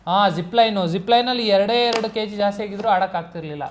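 A man's voice: high-pitched, fast talker, slight background noise. A man chatting casually at home in a vlog with his wife, joking and chuckling, often mixing in English phrases. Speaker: vlogger, husband receiving a gift. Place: at home indoors.

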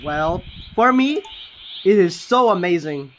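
A man giving casual, excited gameplay commentary, often stopping to correct his own words. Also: high-pitched, slow pace, slight background noise. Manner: excited, often corrects himself mid-sentence. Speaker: gaming channel host.

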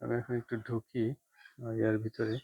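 A man who runs a goat farm, giving a casual walking tour of his shed and speaking quietly so he does not wake the goats. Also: lowish voice, completely flat delivery, moderate pace, creaky, slightly rough, dry recording. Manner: speaks softly to avoid waking the goats.

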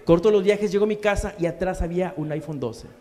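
A man's voice: high-pitched, quick pace, warm tone. A man doing a crude, slang-heavy stand-up comedy set on stage in a comedy bar. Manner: crude, slangy punchlines with acted-out quotes. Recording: live club with long reverb.

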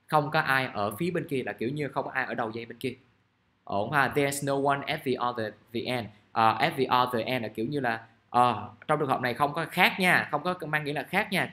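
A man, teaching English grammar in a casual, chatty way and reading example sentences out slowly. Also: mid-range voice, pushed and bright. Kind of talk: casual classroom explanation. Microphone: recording device at his desk.

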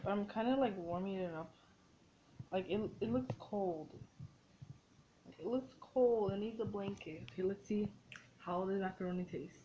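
A woman's voice: mid-range voice, moderate pace, pauses often, warm tone, muffled recording, slight background noise. Chatty girl vlogging in a kitchen. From Mexican family. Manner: chatty and easily grossed out, lots of "like" and "dude". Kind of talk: casual cooking vlog. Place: dim home kitchen.

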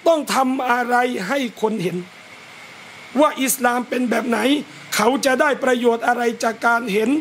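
High-voiced man giving a lively sermon. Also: moderate pace, slight background noise. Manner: lively, talks straight to listeners and acts out scolding parents. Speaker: Islamic religious teacher. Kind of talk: religious lecture to a gathering. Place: a private home gathering.

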